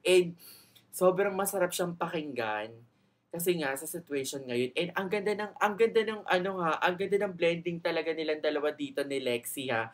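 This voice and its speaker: Young filipino guy with a filipino accent gushing over a song cover, chatty and excitable, mixing tagalog and english. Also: fairly high pitch, normal speed. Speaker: reaction video host. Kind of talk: casual reaction commentary.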